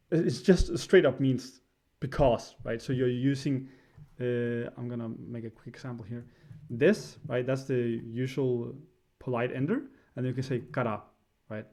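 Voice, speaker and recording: A man giving a casual spoken lesson, hesitant and filling pauses with "uh" and "right?". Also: medium pitch, warm tone. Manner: hesitant, many fillers, frequent "right?". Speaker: language teacher.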